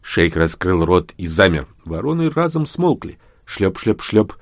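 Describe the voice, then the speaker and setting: A man reading a novel aloud as audiobook narrator, with steady storytelling delivery. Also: low voice, a little slow, no echo, studio quality.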